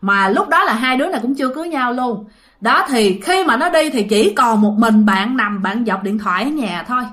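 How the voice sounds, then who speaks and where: Southern Vietnamese woman, ghost story narrator, chatty, high voice. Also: lively intonation, fairly quick, fairly bright tone. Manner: chatty, addresses listeners directly. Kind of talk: casual storytelling.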